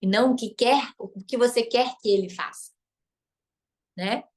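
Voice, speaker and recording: A woman's voice: fairly high pitch, moderate pace, darkish tone. A woman with a Brazilian Portuguese accent, a relationship coach and therapist, teaching a live online masterclass. She is emphatic, repeats key phrases and tacks on tag questions.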